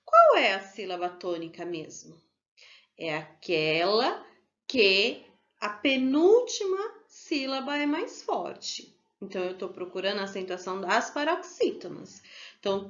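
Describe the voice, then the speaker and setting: A woman's voice: mid-range voice, fairly bright tone. A woman teaching a primary school lesson over slides, explaining patiently and often checking in with her pupils. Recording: dull lo-fi home recording.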